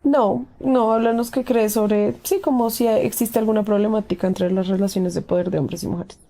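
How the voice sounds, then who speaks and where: A woman's voice: medium pitch, fairly even intonation, moderate pace, dark tone. A young woman with a cold hosting a podcast, talking steadily through prepared points and then interviewing a guest. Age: young adult. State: has a cold. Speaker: podcast host, psychology student. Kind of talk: scripted podcast monologue and interview.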